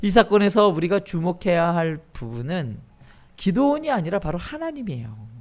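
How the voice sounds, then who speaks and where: A man preaching a sermon as pastor, acting out quoted dialogue in animated voices. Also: high voice.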